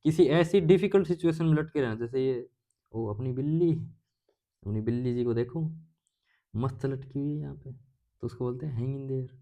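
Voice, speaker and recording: A man teaches English idioms in a casual lecture, asking himself questions and answering them while slipping in playful jokes. His mid-range voice is dark in tone, moving at normal speed with long pauses.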